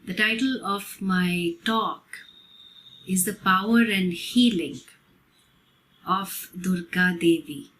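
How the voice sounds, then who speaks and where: A woman teaches at a spiritual festival, taking her time over every phrase. Her pitch sits in a middle range and her delivery is gentle and devotional. She explains each idea carefully, the way a teacher walks a group through new terms. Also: low-quality recording. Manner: measured, explanatory, unhurried.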